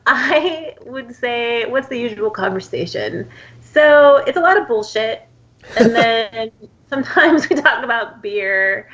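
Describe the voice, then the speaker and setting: A woman's voice: fairly high pitch, sharp tone, highs cut off. A woman from Texas, a podcast guest chatting casually with many fillers and laughs. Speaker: podcast guest, podcast host of her own show. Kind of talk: casual chat.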